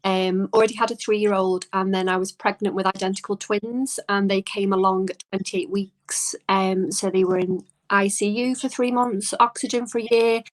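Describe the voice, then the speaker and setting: A woman's voice: mid-range voice, little pitch movement, moderate pace, hardly any pauses, poor audio. A woman interview guest explaining her views and experiences in a casual, reflective, conversational way. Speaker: interview guest, small business owner.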